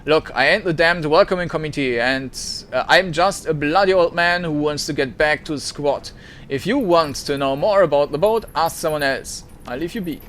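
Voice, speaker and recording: A man's voice: on the high side, moderate pace, a bit bright, a little hiss or hum, natural voice. A man voicing a battered, hostile old male squatter in a game, who talks in curt, snapping lines.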